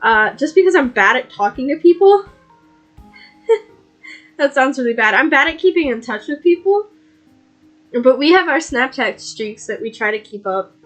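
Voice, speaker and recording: A young woman with a high voice chats to her live-stream viewers over music. Her delivery is cute and bubbly in the anime-streamer way, excitable and giggly, and she keeps it casual. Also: moderate pace, long pauses.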